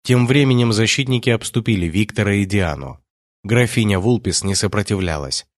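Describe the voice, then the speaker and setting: A man narrating an audiobook in a steady, measured reading. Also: lowish voice, no room sound, clean studio sound. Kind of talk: scripted narration.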